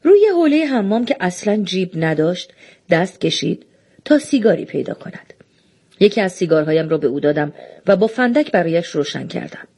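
A woman narrating a story in a calm, measured reading voice. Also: on the low side, breathy edge. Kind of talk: audiobook reading.

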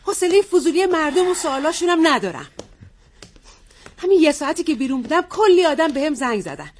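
A woman's voice: sits high, very animated. An actress playing a screenwriter wife who nags her husband indignantly. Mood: nagging. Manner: nagging, indignant.

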